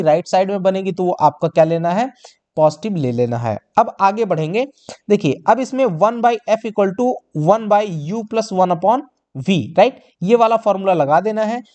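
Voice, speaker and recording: Through a muffled recording comes a high, dark-toned male voice at normal speed. He runs an exam-prep science lesson for tenth grade at the board, calling the class children and answering his own questions while working step by step.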